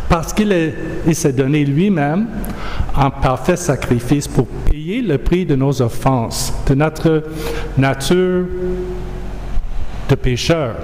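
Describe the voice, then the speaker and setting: A man preaching a sermon and reading scripture aloud, with a measured, emphatic delivery. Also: fairly high pitch, a little mellow, slight background noise. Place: church hall. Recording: echoey hall, faint ambience.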